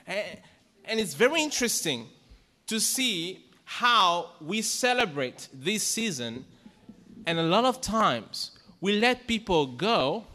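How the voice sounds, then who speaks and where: High-pitched, bright, and forceful, a middle-aged pastor's voice fills the church as he preaches from a pulpit mic. He puts questions to the congregation and surges to emphatic peaks, with the hall's long reverb behind him.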